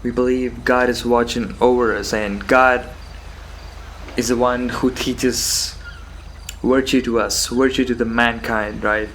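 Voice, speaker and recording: A man giving a rambling philosophical monologue, musing haltingly with rhetorical questions and repeated phrases. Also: medium pitch, little pitch movement, a bit bright. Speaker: solo host of a philosophical talk. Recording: background noise with insect and cricket sounds.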